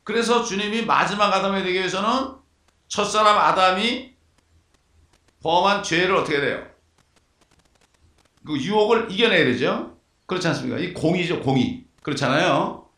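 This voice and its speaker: Gravelly preacher with rhetorical questions. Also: male voice, high-pitched, normal speed, pauses often, pushed and bright. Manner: emphatic, rhetorical questions to the congregation. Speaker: pastor. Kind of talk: sermon. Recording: echoey, from far off the mic.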